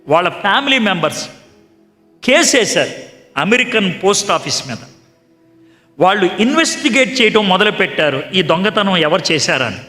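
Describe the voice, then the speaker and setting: High bright male preacher in echoey hall. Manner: acts out dialogue in his stories. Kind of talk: sermon storytelling. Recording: echoey hall, faint music behind.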